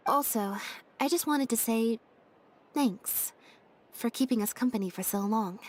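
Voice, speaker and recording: An actress plays a calm, deadpan young woman, a stage magician's assistant in a video game, delivering lines in a flat, dry, matter-of-fact way. Her natural voice is fairly high and unhurried, with a little hiss or hum on the recording.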